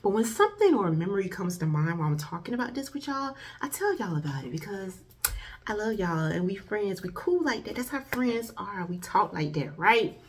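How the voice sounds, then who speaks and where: A woman vlogger talking directly to her audience in a loose, chatty way. Her pitch swings widely and expressively. She keeps calling her viewers y'all and wanders into side stories before coming back to her point. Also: sing-song, brisk. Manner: chatty, addresses viewers as y'all, rambling asides. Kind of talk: casual chat to viewers.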